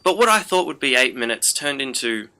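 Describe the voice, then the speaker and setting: A man's voice: medium pitch, big pitch swings, brisk, sharp tone, a little hiss or hum. A young man hosting a gaming channel, telling a rambling story in casual commentary over gameplay, with frequent fillers. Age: young adult.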